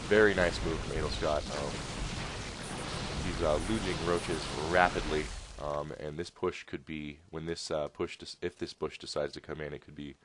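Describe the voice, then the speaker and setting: Deep-voiced and easygoing, this man commentates a strategy game replay, wandering off into jokes along the way. The recording is very noisy.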